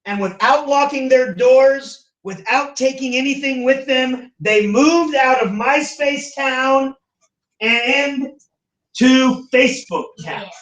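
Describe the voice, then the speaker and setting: A man from the United States teaching a class, animated and acting out the voices he quotes. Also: very high voice, takes it slowly, muffled recording. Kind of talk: classroom lecture. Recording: echoey classroom from far off.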